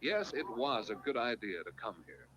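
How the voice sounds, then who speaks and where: A man's voice: mid-range voice, sing-song, moderate pace, fairly bright tone, a little hiss or hum, low-quality recording. A man narrating a 1950s educational film in a friendly, instructive manner.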